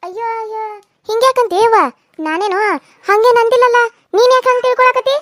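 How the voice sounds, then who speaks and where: A squeaky, high cartoon mother-in-law from a village household scolds in quick bursts with a lilt, as a woman voices her. Her delivery is loud and fast and sounds dry and close. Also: lively intonation, no echo. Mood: scolding. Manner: loud, scolding, rapid-fire nagging. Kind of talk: cartoon serial voice acting.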